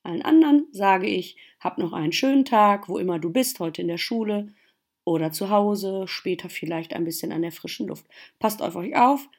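A woman teacher reading a story aloud to her class in a gentle storytelling manner. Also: medium pitch, moderate pace. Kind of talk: storybook narration.

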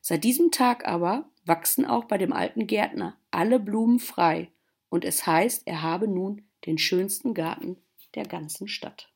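A woman teacher reading a story aloud to her class in a gentle storytelling manner. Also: mid-range voice, measured pace, vocal fry, breathy edge. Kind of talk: storybook narration.

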